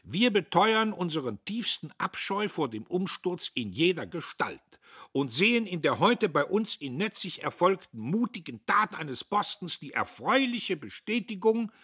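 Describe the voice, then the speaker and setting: Brief: pompous crowing prosecutor read by a man, high, bright and husky. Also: sing-song, a little slow, exaggerated voice. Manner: pompous, declaiming.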